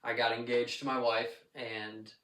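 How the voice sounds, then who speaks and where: A young adult pastor from Texas, USA, appears as a podcast guest in a casual interview, telling stories in a relaxed, easygoing way and joking along the way. His medium-pitched voice is unhurried. The recording has a roomy echo, with the mic placed at a distance.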